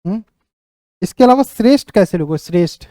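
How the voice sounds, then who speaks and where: During an exam-prep lesson, a young male teacher repeats each word several times while writing it out and checks in with his students using "ठीक". His voice is high yet mellow, animated and brisk, recorded dry with no room echo.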